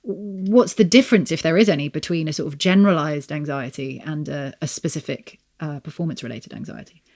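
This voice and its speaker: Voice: mid-range voice, brisk, darkish tone. A podcast host asking long, thoughtful questions, attentive, with frequent hums of agreement. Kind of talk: podcast interviewing.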